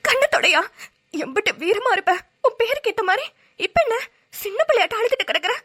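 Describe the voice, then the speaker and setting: High tearful woman voicing a cartoon. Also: expressive, brisk, fairly bright tone. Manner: tearful, pleading, rural dialect. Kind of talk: melodramatic cartoon voice acting.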